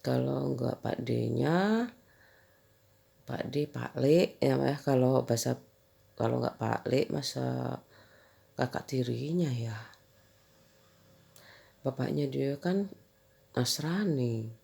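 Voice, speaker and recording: Gravelly chatty woman vlogger. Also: rumbling low, takes it slowly, pauses often, mellow. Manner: rambling, laughs often, repeats fillers. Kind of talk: casual chatty storytelling.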